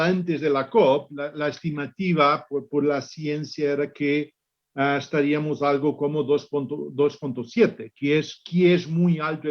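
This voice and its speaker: A man's voice: on the high side, lo-fi sound. A man who is a native Portuguese speaker gives a conference talk in a Spanish-Portuguese mix with a Portuguese accent, often repeating words as he searches for phrasing. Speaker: conference speaker, business executive. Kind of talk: unscripted conference presentation.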